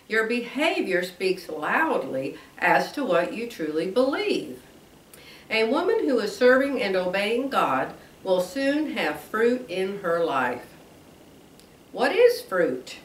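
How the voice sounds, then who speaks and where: A woman in her sixties with a mid-range voice hosts a casual devotional talk, chatting and laughing often, slightly wheezy from allergies. She stands at a lectern before a quilt backdrop, captured by a distant camera, so the sound is roomy, with a little hiss or hum.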